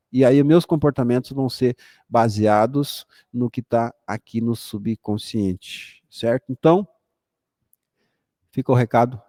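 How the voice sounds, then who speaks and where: A Brazilian man with a Brazilian Portuguese accent giving a casual motivational talk, conversational and animated, often tagging his points with little questions to the listener. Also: no room sound. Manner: conversational, frequent "sabe?" and "né?" asides; animated, emphatic rises in pitch. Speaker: motivational speaker.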